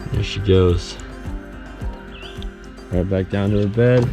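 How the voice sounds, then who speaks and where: A young man with a drawl, a bit low-pitched, talking on a boat out on a lake. He's excitable and casual and keeps saying "y'all," picked up by an action camera with music playing underneath. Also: slow pace. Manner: excitable, says "y'all" often. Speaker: fishing vlogger. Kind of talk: casual narration and on-the-water commentary. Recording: background music in the mix.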